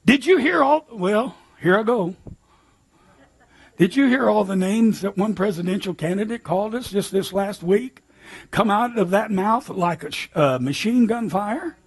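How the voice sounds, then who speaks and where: An older American man preaching a sermon in an animated, emphatic way, with sudden shouted lines and a slightly husky voice. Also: sits high, measured pace. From United States. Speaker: pastor.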